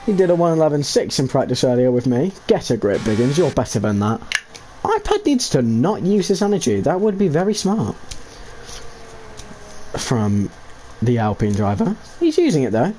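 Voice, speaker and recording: A man giving live commentary on a sim racing league race, excitable and jokey, with rambling asides between the action. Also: mid-range voice, moderate pace, slight background noise.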